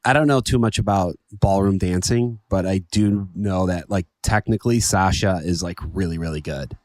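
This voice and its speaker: A man co-hosting a casual podcast interview, laid-back and trailing off softly. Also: low-pitched, moderate pace, dry recording. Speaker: podcast co-host.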